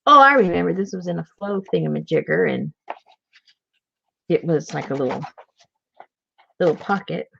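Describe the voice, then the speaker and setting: A woman's voice: on the low side, moderate pace, gravelly, long pauses, fairly bright tone, a little hiss or hum. A woman hosting a casual crafting video, chatting while she works and laughing often as she tells stories. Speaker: junk journal crafter and channel host. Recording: slightly dull lo-fi recording.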